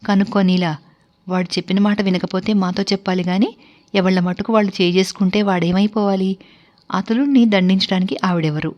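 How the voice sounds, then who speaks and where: A woman voicing an angry middle-aged father who loudly demands answers, in a storybook reading. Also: medium pitch, fairly even intonation, brisk, lightly acted. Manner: roaring, accusing. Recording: dull lo-fi recording.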